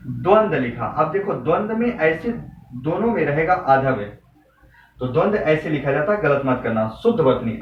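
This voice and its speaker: Hindi teacher in an echoey room. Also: male voice, on the high side. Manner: earnest, repetitive, drilling correct and wrong forms; motivating, addresses students directly. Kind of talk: exam-prep spelling lesson. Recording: echoey room, from a distance, dull sound with faint noise.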